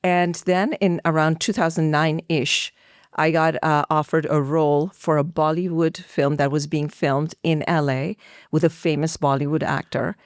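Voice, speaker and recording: Speaking at a moderate pace with fairly even intonation, this woman has a low voice recorded in echo-free studio quality. She's a middle-aged actor from India, guesting on a podcast and sharing personal anecdotes while voicing bits of dialogue she remembers.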